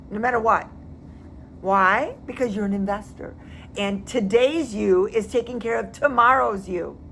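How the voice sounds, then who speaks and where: A woman's voice: medium pitch, creaky, fairly bright tone, a little hiss or hum. A woman real estate agent giving casual advice, emphatic and repeating words for stress.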